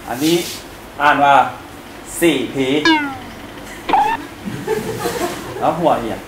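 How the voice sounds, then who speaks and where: A man playing a nervous young new teacher in a short drama, who fumbles his introduction and then drills the class loudly. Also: medium pitch, fast talker, very echoey, distant mic, very noisy, natural voice. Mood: loud drilling. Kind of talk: amateur short drama acting.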